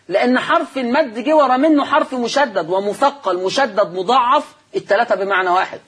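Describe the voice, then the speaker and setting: A man's voice: high-pitched, husky. A man with an Egyptian accent teaching Quran recitation rules on a religious TV program, explaining step by step, asking and answering his own questions and repeating the key terms. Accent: Egyptian Arabic. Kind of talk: televised religious lesson.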